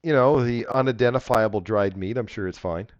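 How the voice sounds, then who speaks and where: Low-voiced man running a tabletop game, muffled audio. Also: fairly quick, dry recording. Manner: casual, jokey, swears. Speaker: game master. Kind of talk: narrating and refereeing a tabletop game. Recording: dull lo-fi audio.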